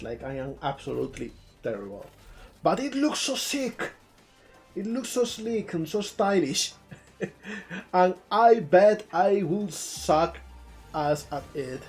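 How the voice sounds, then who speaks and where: Music plays under a live stream where a host from southern Spain, a native Spanish speaker with an Andalusian accent, chats casually about game trailers. The voice is mid-range with a darkish tone.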